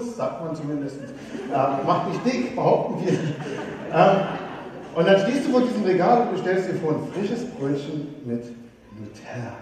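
A man from Saxony preaching a sermon, lively and putting questions straight to his congregation. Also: a little high. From Saxony, eastern Germany. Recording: echoey hall, voice from a distance.

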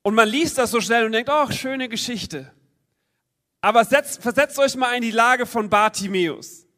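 Reading a Bible story during his sermon, a man with a very high, bright, pushed voice speaks a little fast. He performs the voices of the crowd and characters and draws his listeners into playing along.

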